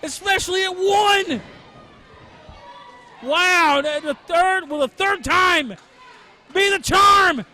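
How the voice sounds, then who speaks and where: A man's voice: very high-pitched, slow, long pauses, bright, forceful tone. A man working as a wrestling commentator, calling the action in dramatic exclamations and rhetorical questions. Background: crowd at a wrestling event.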